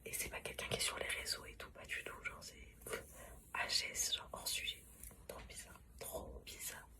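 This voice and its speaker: A woman whispers a hushed morning vlog at home, rambling and confiding to her followers. Her voice is breathy and soft, with almost no tone behind it. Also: moderate pace. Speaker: lifestyle vlogger.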